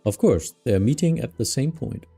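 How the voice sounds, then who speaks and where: German guy streaming as air traffic controller, dark relaxed voice, bit of music in back. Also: medium pitch, moderate pace, vocal fry, husky. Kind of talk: air traffic control radio phraseology and casual commentary.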